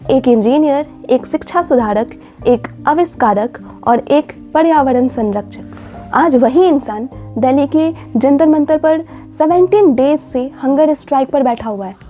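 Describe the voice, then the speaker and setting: A woman's voice: high-pitched, mellow. A woman hosting a commentary vlog, speaking with passion and asking pointed rhetorical questions. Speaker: vlogger.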